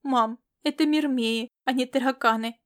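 A woman voicing a calm, gently reassuring young woman. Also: high voice, moderate pace. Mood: calm gentle. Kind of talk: audiobook character reading.

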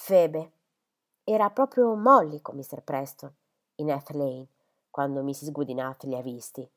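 A woman's voice: sits low, measured pace, pitched below the performer's own voice. A woman voicing a stern, disapproving older spinster who speaks in an admonishing, authoritative way.

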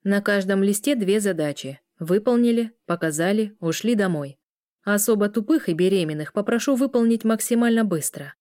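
Woman doing a grumpy tired teacher guy, rushing everyone, soft dark tone. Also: medium pitch, expressive, no echo, studio quality, natural voice. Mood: brisk. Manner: brisk, dismissive instructions. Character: tired, rude middle-aged male lecturer.

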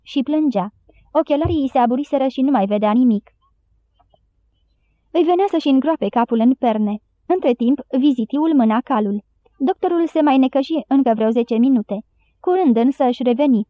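Woman narrator, audiobook, higher voice, dry phone-like recording. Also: lively intonation, no echo. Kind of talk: scripted narration. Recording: dry, tinny phone-like sound.

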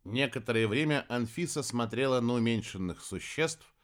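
A man narrating a children's fantasy audiobook in a lively storytelling way. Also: medium pitch, moderate pace.

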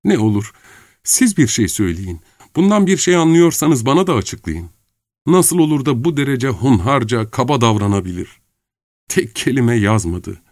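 A man's voice: medium pitch, big pitch swings, moderate pace, a little mellow, no room sound, studio quality, pitched above the performer's own voice, close to an everyday voice. A man reading a novel aloud, voicing a distraught young woman who pleads emotionally in a raised voice. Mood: pleading. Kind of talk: audiobook character reading.

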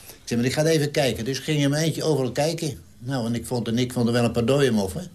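A war veteran in his nineties talks fast in a mid-range, darkish voice during an interview, telling his wartime story bluntly and with a salty edge. He vividly acts out the dialogue as he goes. The recording carries a little hiss or hum.

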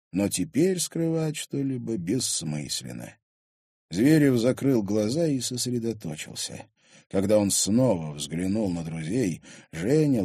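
A man reading an audiobook in an expressive, scripted narration. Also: fairly low pitch, slightly rough, dry recording, clean studio sound.

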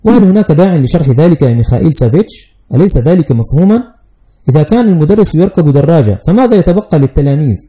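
A man's voice: fairly high pitch, lively intonation, rapid-fire, mellow, voice pushed up, lightly acted. A man voicing a fussy, fearful older male schoolteacher who lectures anxiously and primly, in an audiobook reading. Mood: nervous lecturing.

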